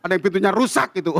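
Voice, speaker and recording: Male pastor with an Indonesian accent, high and very lively voice, dry close sound, acts out the dialogue. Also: no room sound. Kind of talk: sermon storytelling. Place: church.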